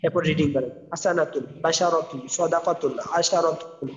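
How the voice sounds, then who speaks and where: A man with a fairly high voice leads a Quran recitation lesson, breaking words into syllables in slow drills. The audio is dull and lo-fi, with a long reverb.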